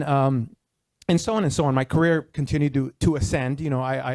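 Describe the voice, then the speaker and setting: This speaker is a retired Secret Service official from El Paso, Texas, in his fifties, sharing his career story on a panel before an audience in an auditorium. He uses a handheld mic, and his mellow, medium-pitched voice comes across conversationally, with frequent fillers and restarts, in a dry recording.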